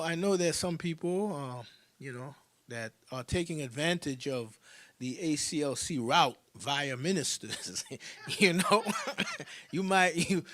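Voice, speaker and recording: A man's voice: a little high, fairly bright tone. A man minister giving casual church announcements, chuckling and stopping often to fill with "you know". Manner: casual, chuckling, full of fillers.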